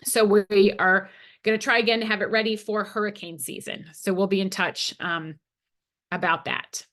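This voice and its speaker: Woman, bright tense tone, hesitant with many fillers, meeting update. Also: medium pitch, fairly even intonation, normal speed.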